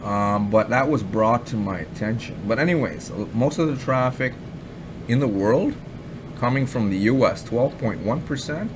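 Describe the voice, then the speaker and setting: A man's voice: mid-range voice, expressive, moderate pace. A Canadian man from Ottawa giving blunt, rambling casual commentary over a screen recording, repeating himself and swearing now and then. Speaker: online marketing reviewer. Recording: audible background noise.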